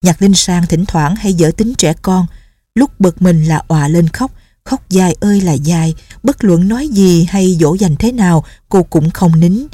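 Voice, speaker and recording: A woman narrating a martial arts novel in a steady, measured way. Her voice sits low and mellow, and the recording is dry and close. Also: no echo. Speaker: audiobook narrator. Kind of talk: scripted narration.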